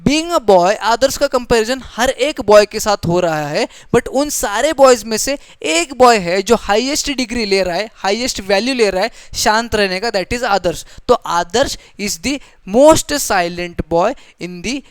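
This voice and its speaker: A woman's voice: a little high, lively intonation, measured pace, few pauses, smooth, no room sound. A woman teaching a grammar lesson in a patient way. She repeats her points and often checks that the class understands. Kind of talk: grammar lesson mixing Hindi and English.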